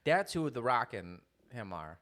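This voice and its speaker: Young male co-host, lively pitch swings, rambling laugh-prone delivery, casual. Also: measured pace. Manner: animated, laughs often, rambling asides. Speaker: podcast co-host. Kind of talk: casual chat.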